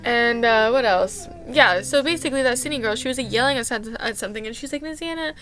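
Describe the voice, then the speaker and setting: A young woman tells a casual vlog story about her day as a camp counselor. Her voice sits a little high and sounds bright and sharp, and she rambles in an exasperated rant full of "like". Soft music plays faintly behind her. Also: brisk.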